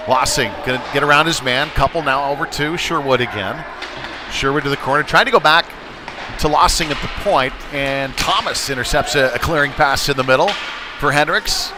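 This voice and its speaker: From an ice rink during the game, a man with a slightly high voice serves as announcer for live hockey play-by-play, dropping conversational remarks between calls. There's background noise, and music plays over the venue speakers.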